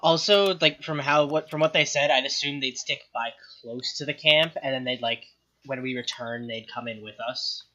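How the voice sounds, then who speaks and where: A tabletop player who chats loosely and reacts quickly. The voice sits at a middle pitch, and the recording sounds dull and lo-fi. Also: sharp tone. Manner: chatty, laughs, quick reactions. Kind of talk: casual tabletop chat.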